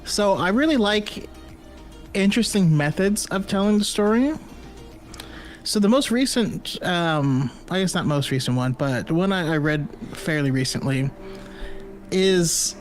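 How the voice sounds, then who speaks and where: A man co-hosting a live call-in stream who rambles through his stories, stumbling and restarting as he goes. His voice is high for a man and swings widely in pitch. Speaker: podcast co-host. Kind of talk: casual live-stream chat.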